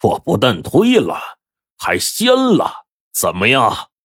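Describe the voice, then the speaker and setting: A man voicing a menacing, sneering loan-shark thug who taunts loudly. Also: medium pitch, huge pitch swings, slow, slightly rough, no echo, clean studio sound, heavily acted.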